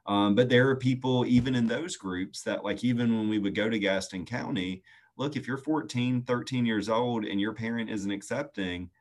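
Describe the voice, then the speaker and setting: A man, answering interview questions earnestly and at a measured pace with frequent "um" fillers. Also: mid-range voice. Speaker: youth nonprofit staff guest.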